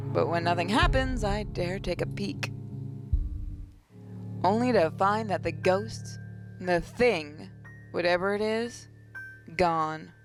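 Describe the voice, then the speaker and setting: Game music runs behind a woman hosting a gaming video, her fairly low voice showing vocal fry. She reads the horror story text dramatically and breaks off now and then for lighthearted remarks.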